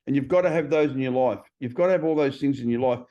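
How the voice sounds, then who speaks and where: Speaking at a quick pace in a mellow, medium-pitched voice, a podcast host chats casually. He doesn't hold back, swearing freely and impersonating other people, and the lo-fi recording has a slightly dull quality.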